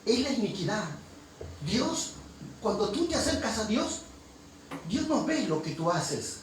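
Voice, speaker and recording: A man's voice: high-pitched, big pitch swings, measured pace. A man preaching a sermon as pastor, impassioned, quizzing his congregation with call-and-response questions. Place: church hall. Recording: very echoey hall, voice from far off, faint noise.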